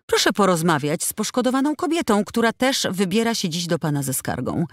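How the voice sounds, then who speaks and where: An indignant, outspoken working woman, as a female audiobook reader puts her on, raised and heated, pressing every accusation hard. Her talk swings widely in pitch and goes up in force. It comes from a close mic in a dry studio, with no room sound behind it. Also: big pitch swings, fairly quick, no room sound, lightly acted. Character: indignant middle-aged woman worker, outspoken. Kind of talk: audiobook dialogue reading.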